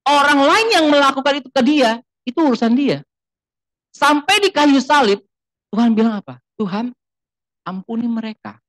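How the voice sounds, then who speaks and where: A man's voice: very high-pitched, lively intonation, normal speed, fairly bright tone, no room sound, low-quality recording. A man preaches a sermon as a guest pastor. He talks in a loose, conversational way and tells personal stories. He keeps turning to the congregation with rhetorical questions.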